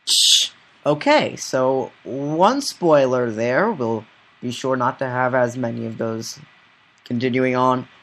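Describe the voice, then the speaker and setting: A man's voice: medium pitch, slow pace. A young man hosting a casual sports podcast, running through team predictions with puns and teasing. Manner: punning, lively, teasing. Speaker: podcast host.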